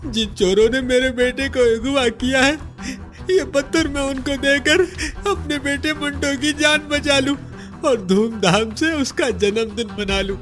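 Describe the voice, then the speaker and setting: Brief: man as an honest poor villager, emotional and begging, high-pitched. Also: unhurried, fairly bright tone, soft background music. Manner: pleading, emotional. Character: poor honest village father, desperate and pleading. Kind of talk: cartoon voice acting.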